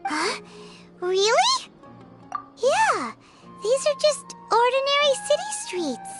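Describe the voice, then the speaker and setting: A tiny childlike fairy sidekick from a video game. The voice is squeaky and extremely high, leaping around with excitable exclamations. Loud music plays behind it. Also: female voice, slow, heavily acted. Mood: excited, puzzled. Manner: exclamatory, refers to herself in third person. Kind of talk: video game character acting.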